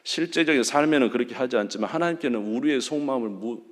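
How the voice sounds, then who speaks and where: A male pastor preaching a sermon in a church sanctuary, acting out quoted dialogue dramatically with sudden rises in pitch and loudness. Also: quick pace. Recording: long church hall reverb.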